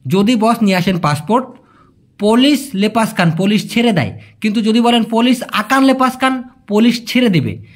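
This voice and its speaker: A man with a Bangladeshi Bengali accent teaches a language lesson. He explains slowly, repeats each example and calls his listeners brother. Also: sits high. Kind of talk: language lesson for migrant workers.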